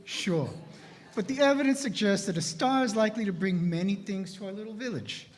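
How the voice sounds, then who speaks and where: A man's voice: high voice, brisk, natural voice. A man playing an earnest villager who reads the new star as an omen, in a church skit, with a musing, thoughtful manner. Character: sleepless superstitious villager, sees omens. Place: church sanctuary. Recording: long church-hall reverb.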